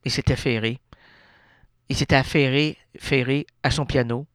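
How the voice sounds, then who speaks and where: A man's voice: medium pitch, steady tone, moderate pace, no room sound, clean studio sound. A man with a Québécois accent hosting a radio show, rambling through an absurd monologue full of wordplay and fillers. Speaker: radio host. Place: radio studio.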